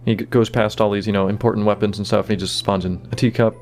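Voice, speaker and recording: Faint music sits behind a man casually explaining the behind-the-scenes work on his own animation. His low voice moves at a quick pace, loose and relaxed, with plenty of "you know" and "kinda."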